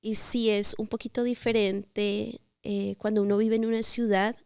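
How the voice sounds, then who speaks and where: A woman in her thirties from Colombia, telling her life story as an interview guest in a gentle, reflective way with pauses and fillers. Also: medium pitch, level tone, creaky, smooth, no echo, studio quality. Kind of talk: personal testimony interview.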